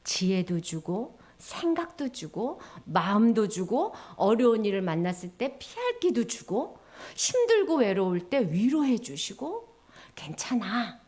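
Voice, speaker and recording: A woman giving a children's sermon in a lively, sing-song storytelling way, acting out little voices. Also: mid-range voice, a little slow, hardly any pauses.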